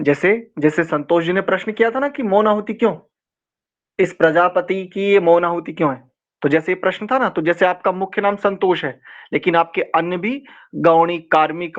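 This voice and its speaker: A man teaching an online scripture class, explaining mantras and chanting them slowly, correcting pronunciation syllable by syllable. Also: a little high, lo-fi sound. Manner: slow, drawn-out chanting of mantras between explanations. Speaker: Vedic teacher.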